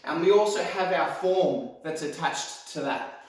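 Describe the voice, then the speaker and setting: In a martial arts lesson, a male karate instructor explains techniques in a slightly high, slightly slow voice. He stands some distance from the mic in a very echoey indoor hall.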